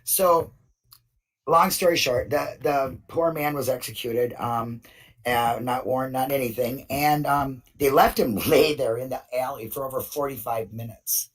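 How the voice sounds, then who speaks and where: A woman's voice: very deep voice, unhurried, breathy edge, far from the mic, rough recording. A woman in a casual open mic discussion, telling a story in an indignant way with many fillers. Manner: indignant, retells events with lots of fillers.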